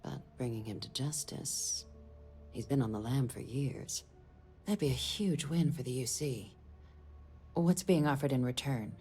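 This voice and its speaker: A very deep-voiced, mellow woman is a stern, secretive middle-aged military official in a video game. She speaks in measured, formal phrases with firm authority, and music plays behind her. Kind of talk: video game dialogue acting.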